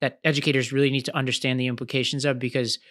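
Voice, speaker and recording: A man's voice: mid-range voice, level tone, very fast, fairly bright tone. A man co-hosting a podcast, talking casually and with energy, explaining ideas through stories with many fillers. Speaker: podcast co-host.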